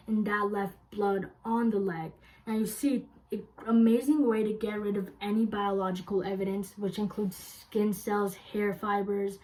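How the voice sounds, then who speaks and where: A woman's voice: mid-range voice, darkish tone, low-quality recording. Woman delivering an insistent courtroom closing argument. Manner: insistent, emphatic, repeating key points for persuasion.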